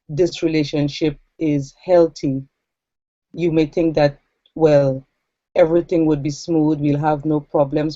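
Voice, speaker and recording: Speaking in a deep, dark voice with no echo, this Trinidadian woman in her forties tells her own story as an interview guest. She is earnest and reflective, pausing and using fillers, and the audio sounds dull and lo-fi.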